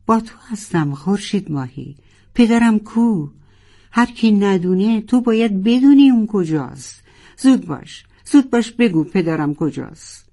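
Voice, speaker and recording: A storyteller voicing a young narwhal who is desperately searching for its lost father, pleading and shouting. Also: medium pitch, expressive, vocal fry. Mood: frantic. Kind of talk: children's audiobook acting.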